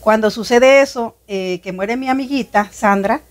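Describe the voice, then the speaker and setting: A woman's voice: a little high, moderate pace. A woman sharing a personal faith testimony in conversation, earnest and heartfelt, often addressing the listener as brother. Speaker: guest sharing her testimony.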